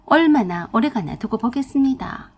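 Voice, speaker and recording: A woman narrating a first-person marital story as a radio drama, in a sharp, assertive way. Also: fairly high pitch, animated, normal speed, slightly rough. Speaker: storyteller reading a listener's story.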